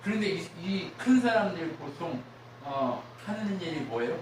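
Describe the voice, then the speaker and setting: Animated pastor in an echoey church. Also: male voice, on the high side, normal speed, distant mic, noisy background. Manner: asks the congregation frequent questions, acts out quoted voices. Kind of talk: sermon. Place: church sanctuary.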